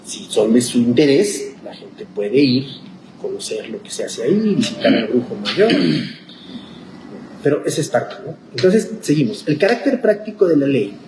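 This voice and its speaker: A man's voice: medium pitch, sing-song, moderate pace. A man, a pastor teaching a Bible class in a conversational lecture style, thinking aloud and checking in with his listeners. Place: church classroom. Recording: echoey room with clear background noise.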